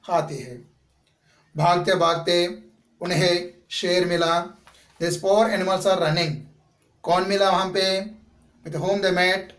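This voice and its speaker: A man teaching a class, his voice high and his pace slow and careful. He asks the class questions and then answers them himself, and restates every word in English. The sound is echoey and comes from some way off the mic. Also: little pitch movement, fairly bright tone. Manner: explains each Hindi word again in English. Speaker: school teacher. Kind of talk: classroom story lesson. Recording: echoey room, voice from a distance.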